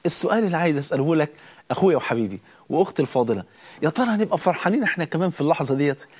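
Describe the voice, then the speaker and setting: Man, Egyptian Arabic accent, religious sermon, very fast, emphatic and fervent, slightly high voice. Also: lively intonation, darkish tone, husky. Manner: fervent, emphatic preaching that keeps building in pitch and force. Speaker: preacher hosting a Ramadan program.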